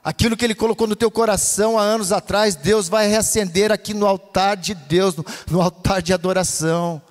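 High-voiced preaching man, fervent. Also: fairly even intonation, a little fast. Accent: Brazilian Portuguese. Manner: fervent, chanting cadence. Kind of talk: pentecostal sermon. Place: church hall. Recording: long church reverb.

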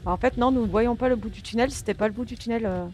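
High-voiced woman chatting over gameplay. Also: quick pace, darkish tone, slight background noise. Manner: chatty, talks back to the game and swears lightly at it; addresses viewers as friends. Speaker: gaming channel host. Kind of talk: casual gameplay commentary.

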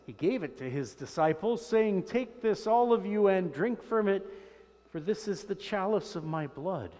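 Older priest praying in cathedral-like echo. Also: male voice, high voice, lively intonation, a little mellow. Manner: measured, reverent recitation. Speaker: priest celebrating Mass. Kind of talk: solemn liturgical prayer. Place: large church, at the altar. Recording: long cathedral-like echo in large church.

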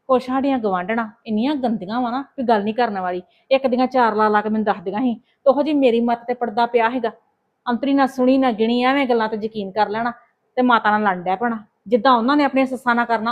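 A woman playing a housewife in a scripted family drama, chatting in a quick, lively way. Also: on the high side, lo-fi sound.

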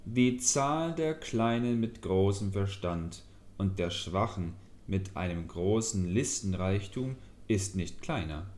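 A man voicing a small, clever male leech in a fairy tale who speaks calmly and lectures. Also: sits low, slow pace. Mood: lecturing. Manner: calm, lecturing, mildly scornful.

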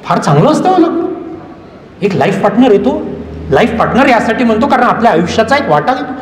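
A man's voice: high voice, sing-song, fairly quick. A man, giving a motivational lecture in an emphatic, dramatic way that repeats phrases and acts out dialogue. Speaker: motivational speaker. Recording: echoey hall.

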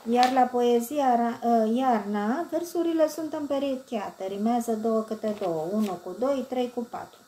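A woman with a Romanian accent teaching a textbook lesson, reading exercises quickly and then slowing down to count verse syllables aloud. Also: a little high, dark tone, a little hiss or hum.

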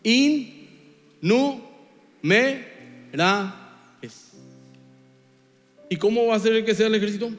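A man's voice: high-pitched, lively intonation, very slow, pauses often, long reverb tail, faint music behind. A man preaching a sermon as pastor, with a Paraguayan Spanish accent, acting out whiny complaints and God's blunt replies. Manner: theatrical, acts out whining characters and God's replies. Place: church sanctuary.

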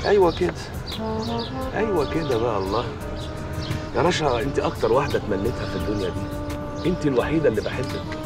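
An actor playing a joking, boastful young fiancé, speaking in Egyptian Arabic with a coaxing, teasing manner. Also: male voice, mid-range voice, expressive, fast, long pauses, lightly acted. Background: music.

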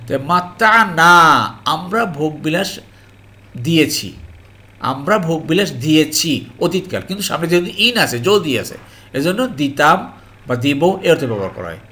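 Male Quran grammar teacher with a Bangladeshi Bengali accent, fairly high voice, slow and repetitive, checks in with viewers. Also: animated, pushed and bright. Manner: slow, repetitive explanation with frequent "ji" and "alhamdulillah"; addresses viewers as "priyo mohtaram" and checks understanding. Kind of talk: online grammar lesson.

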